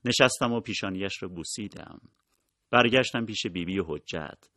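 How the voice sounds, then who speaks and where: A man narrating a first-person audiobook in a calm, measured way. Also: low voice, no room sound, clean studio sound.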